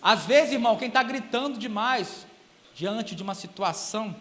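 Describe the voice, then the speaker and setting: A Brazilian man preaching a sermon in a church, emphatic and animated, swinging between loud emphasis and quiet asides. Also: sits high, moderate pace, big-room sound, noisy background. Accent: Brazilian Portuguese. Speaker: guest preacher. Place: large church hall.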